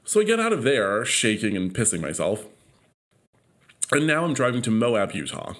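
A man from California telling a road trip story in casual, profane, animated chat. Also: mid-range voice, moderate pace.

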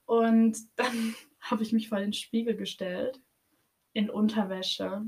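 A woman's voice: mid-range voice, fairly even intonation, slow, a little mellow. A young woman co-hosting a podcast, chatting casually and asking playful, teasing questions. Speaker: podcast co-host. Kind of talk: casual chat.

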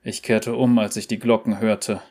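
Storybook: dutiful veteran seneschal, solemn and measured, deep-ish, male reader's own voice. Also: level tone, a little mellow, breathy edge. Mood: grave.

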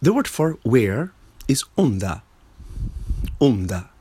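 A man teaching a language lesson, patiently repeating each word slowly and stressing its syllables. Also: medium pitch, sing-song, warm tone, slightly rough. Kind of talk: slow spoken language lesson.

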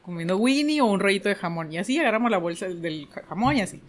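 A woman's voice: mid-range voice, animated, fast talker. Mexican woman, casual co-host, chatty laughing storyteller. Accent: Mexican Spanish. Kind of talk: casual chat.

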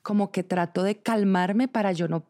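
A woman's voice: medium pitch, mellow. A woman in her thirties with a Colombian accent, chatting casually as a podcast guest in a bubbly, self-mocking way. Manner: bubbly and self-mocking, quick, laughing often. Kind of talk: casual chat.

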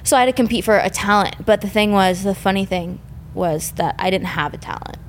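A woman's voice: mid-range voice, a little fast, a little hiss or hum. A young woman guest in a casual podcast chat, giggly and rambling, full of fillers.

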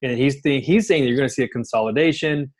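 A man in easy casual conversation as a podcast co-host. He talks in a relaxed, unhurried way and laughs readily. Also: mid-range voice. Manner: easygoing, laughs often, many fillers. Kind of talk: casual chat.

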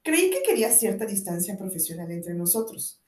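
A woman's voice: mid-range voice, very animated, moderate pace, darkish tone, far from the mic, natural voice. A woman reading a sleepy, cheeky young woman. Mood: teasing. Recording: roomy echo.

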